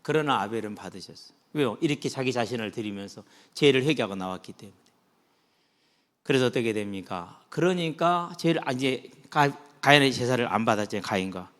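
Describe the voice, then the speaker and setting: A man preaching a sermon to students as their pastor, animated, swinging between soft low passages and loud high ones. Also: brisk. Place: church sanctuary. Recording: long hall reverb.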